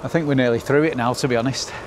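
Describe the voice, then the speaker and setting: Riding a bike outdoors, a middle-aged cycling vlogger with a northern English accent keeps up casual, chatty commentary, upbeat like a travel show host. His voice sits at medium pitch with a steady tone, and he talks very fast. Wind and traffic make the recording noisy.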